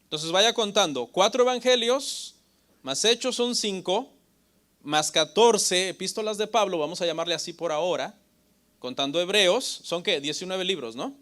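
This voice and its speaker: A male pastor teaching a Bible lesson with a bright, forceful voice that sits a little high for a man. He keeps putting questions to his listeners and answers them himself, tagging his points with "ok?" and "brother". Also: lively intonation, moderate pace. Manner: often adds "hermano" and "ok?".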